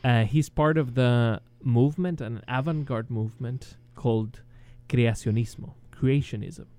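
Chilean male guest, non-native English, slow, clear voice, hesitant. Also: medium pitch, dry recording. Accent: Chilean Spanish. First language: Spanish. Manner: hesitant, many ums and restarts, chuckles softly. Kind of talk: interview, casual chat.

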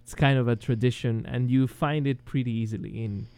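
A man's voice: mid-range voice, fairly even intonation, a little fast, clear, resonant tone. A man from Chile with a Chilean Spanish accent, a guest speaking English as a second language in an interview over a video call, with many ums and restarts. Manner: hesitant, many ums and restarts, chuckles softly. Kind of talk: interview, casual chat.

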